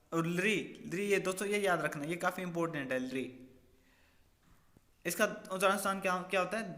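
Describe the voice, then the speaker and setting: A man's voice: high voice, pushed and bright. A male teacher giving an exam-prep grammar lesson, asking questions and answering them himself, repeating key points. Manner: repetitive quizzing, asks and answers himself. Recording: echoey room with long reverb.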